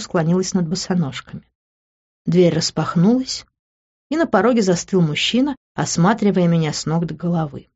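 A woman reading a first-person audiobook narration in a playful, lively way, switching between character voices. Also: on the low side, husky. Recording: dull lo-fi recording.

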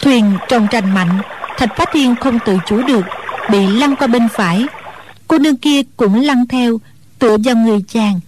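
A woman narrating a martial-arts story in a steady, scripted storytelling manner. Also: a little high, moderate pace, loud music behind the voice. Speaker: audiobook narrator.

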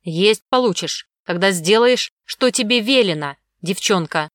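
A woman voicing a cruel, scheming prince who barks slow, loud, menacing commands. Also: mid-range voice, animated, dry recording, clean studio sound. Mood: furious. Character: cruel scheming middle-aged male prince villain.

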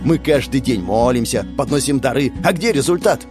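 A man's voice: mid-range voice, animated, normal speed, voice pushed up, natural voice. A man voicing a frightened, defiant young male tree demon with a trembling voice close to tears, over guitar music. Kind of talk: audiobook character voice.

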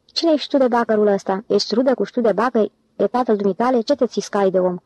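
A woman voicing a scheming, smooth-talking male con man who leads his band in a storybook reading. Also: mid-range voice, warm tone, no echo, natural voice, rough recording. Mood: furious. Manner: commanding, irritable.

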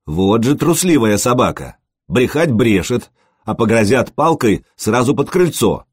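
Man voicing a cocky young warrior, jeering, animated, husky. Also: mid-range voice, unhurried, no echo, clean studio sound. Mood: mocking. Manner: taunting, jeering.

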